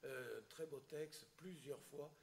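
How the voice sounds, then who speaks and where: A man lecturing on history with a fairly high voice. He speaks haltingly, stopping for filler sounds and restarting phrases. Now and then he clears his throat. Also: steady tone, slight background noise. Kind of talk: public lecture with questions.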